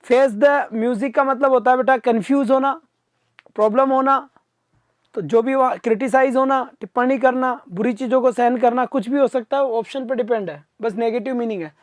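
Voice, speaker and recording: A man teaching an exam-prep vocabulary class live online, coaxing his students to answer quickly and replying to their comments. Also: very high-pitched, dry recording, clean studio sound. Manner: reads out viewer comments and answers them.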